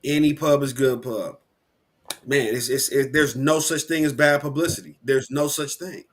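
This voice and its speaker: A man co-hosting a casual sports podcast, animated and rambling, with slang and frequent restarts. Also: mid-range voice, normal speed. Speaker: podcast co-host.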